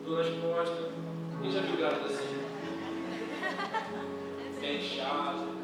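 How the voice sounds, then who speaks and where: A young Brazilian man preaching a youth service sermon in slangy, casual speech that builds to loud, impassioned delivery. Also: fairly high pitch, fairly even intonation, takes it slowly. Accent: Brazilian Portuguese. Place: church hall. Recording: roomy church hall from far off, music behind.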